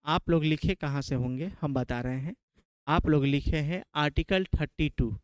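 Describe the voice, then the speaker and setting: A man's voice: a little high, normal speed, smooth, no room sound. A man from Bihar with a Bihari Hindi accent, teaching a classroom lecture, quizzing his students and repeating key terms.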